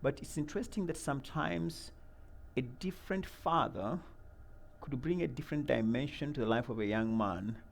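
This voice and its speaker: A middle-aged man from Uganda answers interview questions about a mentoring program, earnest and measured, with many fillers and repeated words. His voice is mid-range and gravelly.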